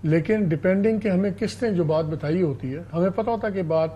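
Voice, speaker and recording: A man's voice: high voice, mellow, husky. A male journalist on a talk show panel, challenging the guest with probing questions.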